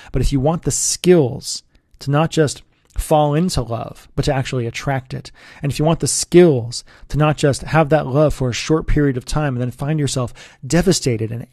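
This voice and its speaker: A man, a relationship coach, giving an earnest, persuasive sales pitch straight to the listener. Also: warm tone, no room sound, studio quality.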